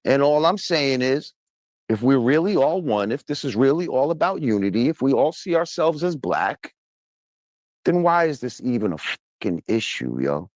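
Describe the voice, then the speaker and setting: A man's voice: mid-range voice, sing-song, moderate pace, darkish tone, no echo. A man in a casual panel discussion who argues bluntly and heatedly, swearing for emphasis. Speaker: podcast panelist.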